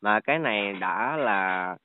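A man's voice: on the low side, lively intonation, measured pace, slight background noise. Polite man on the phone. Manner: polite, hesitant, many restarts. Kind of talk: casual phone chat. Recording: dry tinny phone line.

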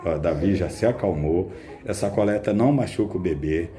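A man drawing blood from an infant, talking calmly and explaining the technique to viewers. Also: low voice, a little fast. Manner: soothing a crying baby, coaxing and prayerful. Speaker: phlebotomist. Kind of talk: instructional narration while working. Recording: echoey room, loud noise, baby crying. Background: crying baby.

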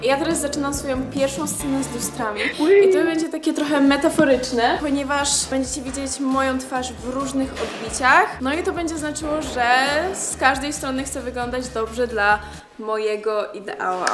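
A young woman with a high voice chats casually to the camera behind the scenes. The room echoes and music is clearly audible. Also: normal speed.

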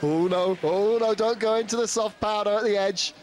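A man's voice: high voice, steady tone, moderate pace, a little mellow, a little hiss or hum. A man as ski co-commentator, offering dry, wry remarks. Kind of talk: live sports commentary.

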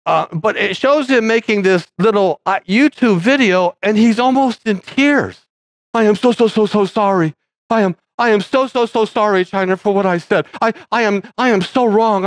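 A man's voice: high voice, dry recording. Conversational male pastor, dry sound. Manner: conversational, rambling with frequent restarts. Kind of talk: sermon.

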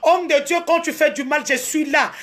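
A woman from Congo with a Congolese French accent tells a story on a casual live stream, lively and switching between French and Lingala, speaking into a phone. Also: high voice, moderate pace.

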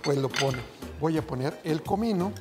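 A man's voice: on the high side, lively intonation, normal speed. A middle-aged man hosting a TV cooking show, chatting to viewers as family while he explains each step. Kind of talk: TV cooking demonstration. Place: TV studio kitchen set. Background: background music.

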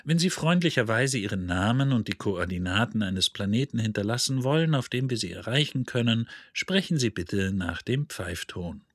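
A man voicing an old, polite recorded announcement from a dead planet, hollow and shrill with a threatening undertone. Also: animated, normal speed, few pauses, husky, no room sound, studio quality. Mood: polite menace.

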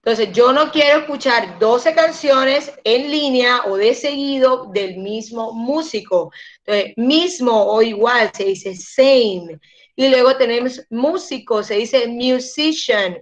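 A woman teaching an English class online, patiently slowing down to model each word's pronunciation. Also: fairly high pitch, lo-fi sound.

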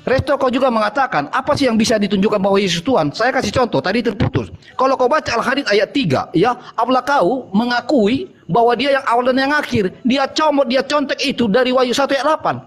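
A man's voice: very high-pitched, expressive, brisk, hardly any pauses. A man in a heated online debate who argues in a mocking, provocative and scornful way.

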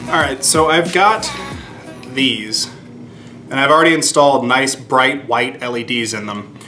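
A man's voice: medium pitch, unhurried, sharp tone, faint music behind. A man in his thirties, a shop owner, chatting upbeat in a casual how-to vlog as he works on his shop and explains each step. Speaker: shop owner filming a renovation. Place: shop workroom with low ceiling, indoors. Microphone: on-camera mic, camera at arm's length or set on a stand. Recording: roomy echo.

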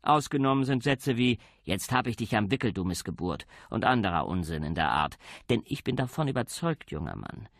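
A man doing a gruff, wry police commander. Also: on the low side, big pitch swings, fairly quick, hardly any pauses, fairly bright tone, dry recording, full character voice. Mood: stern. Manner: dry, stern, lecturing. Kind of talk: audiobook character voice.

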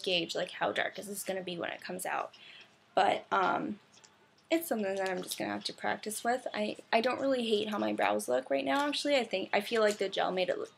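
A woman's voice: medium pitch, creaky, a little hiss or hum. Chatty young woman reviewing makeup. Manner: chatty, many ums and laughs. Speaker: beauty vlogger. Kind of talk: casual product review.

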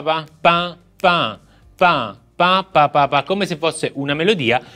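A man's voice: fairly high pitch, a bit bright. A man teaching a drum fill in a casual video lesson, explaining step by step, counting aloud and vocalizing the rhythms.

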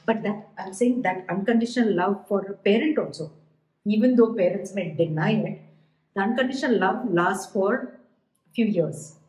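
A woman's voice: mid-range voice, moderate pace, darkish tone. A middle-aged woman hosting a podcast, chatting casually in a blunt, teasing way and laughing easily. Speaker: podcast host and coach. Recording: roomy, echoey sound.

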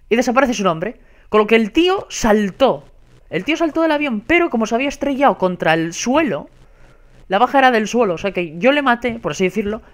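A young man from Spain with a Spanish accent, telling a gaming story with sarcastic commentary as a gaming YouTuber. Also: sits high. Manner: sarcastic, storytelling, animated retelling of insults. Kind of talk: casual gameplay commentary.

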